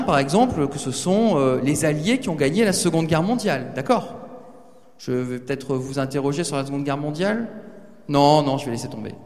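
A man giving a lively talk to students in a large hall, teasing and speaking to the audience directly. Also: fairly high pitch. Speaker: guest speaker addressing students. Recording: reverberant hall.

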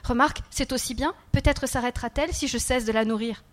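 A woman voicing a small, calm, otherworldly boy child who speaks softly. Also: a little high, fast, pitched above the performer's own voice, lightly acted. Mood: gentle.

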